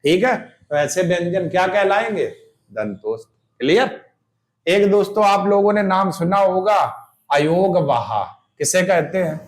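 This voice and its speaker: Male hindi teacher, exam-prep lesson, slow, repeats examples, higher voice. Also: lively intonation. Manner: slow, repeats examples aloud, asks and answers his own questions.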